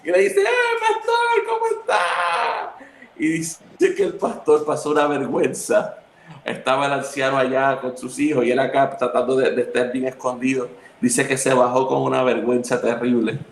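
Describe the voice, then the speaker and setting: A man's voice: mid-range voice, brisk, slight background noise. A man with a Puerto Rican accent in a casual spiritual talk, telling stories and acting out the people in them. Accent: Puerto Rican Spanish. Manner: lively storyteller who acts out the quoted people. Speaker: youth talk co-host. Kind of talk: casual spiritual conversation with storytelling. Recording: echoey room.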